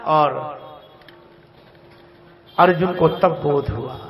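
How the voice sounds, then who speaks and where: A man preaching a storytelling sermon, acting out the voices of the people in his stories, recorded live before an audience that laughs. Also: creaky. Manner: acts out quoted characters with shifting voice and pitch. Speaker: Ram Katha preacher.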